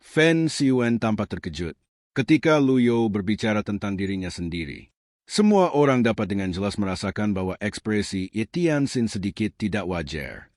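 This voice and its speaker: A man reads out a comic story recap in a steady, even way, his voice sitting low. The recording is dry and close, with no room sound around him. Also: moderate pace, no room sound. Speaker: narrator. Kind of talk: scripted story recap narration.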